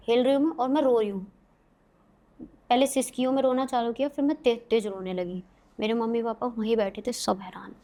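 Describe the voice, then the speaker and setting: A woman's voice: on the high side, darkish tone. A woman guest on a podcast, telling a frightening personal story in casual, dramatic bursts that build suspense. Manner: dramatic, suspenseful narration in short vivid bursts.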